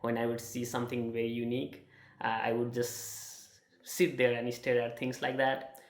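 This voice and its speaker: A young Nepali-accented man from Nepal, a student, shares his experience in a personal testimonial, speaking haltingly with many fillers and restarts. His mid-range voice is completely flat, and the recording is reverberant.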